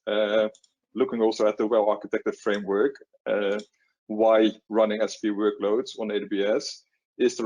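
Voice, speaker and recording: Poor audio carries a fairly low, slightly mellow male voice. He's middle-aged with a Dutch accent, chatting on a webinar panel, frequently repeating himself and laughing at his own remarks.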